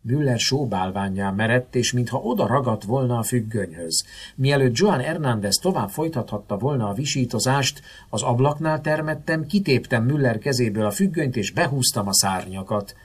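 A man narrating a first-person novel aloud in a dramatic, expressive storytelling manner. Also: mid-range voice, husky. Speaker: audiobook narrator.

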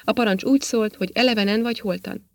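A woman's voice: on the high side, a little mellow, no room sound, natural voice. A woman reading the lines of a cynical, threatening male police sergeant in an audiobook, with a sneering, menacing delivery.

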